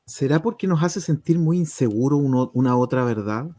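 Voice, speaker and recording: A man's voice: medium pitch, animated, brisk, dark tone, dry recording. A man with a Chilean accent hosting a talk program, musing aloud and asking searching questions. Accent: Chilean Spanish. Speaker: radio program host.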